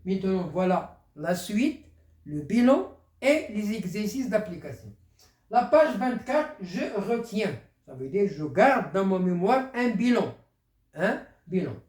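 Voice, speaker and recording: A teacher talks through a primary school lesson at an unhurried pace, repeating each word so young pupils can follow. The pitch moves lively up and down, and the voice rings in a roomy, echoey space. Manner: repeats words, explains step by step. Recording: echoey room.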